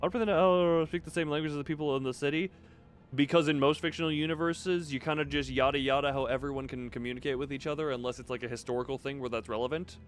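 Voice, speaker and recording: A man livestreams a game, commenting casually and thinking aloud in a rambling way, with game music playing behind him. His voice is a little high, steady in tone, and quick-paced.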